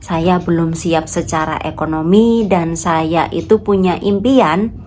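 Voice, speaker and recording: An Indonesian woman in her thirties vlogs from home, chatting casually and treating her viewers like friends. Her voice is lowish and slow with a darkish tone, and her nose is stuffy and congested from a cold.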